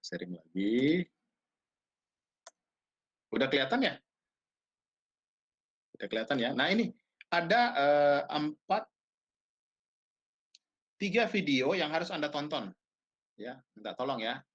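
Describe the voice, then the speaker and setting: A man's voice: fairly high pitch, very animated, measured pace, pauses often, husky, dull audio. A man with a slight tinge giving a casual online university lecture, chatty and teasing, often quizzing his students.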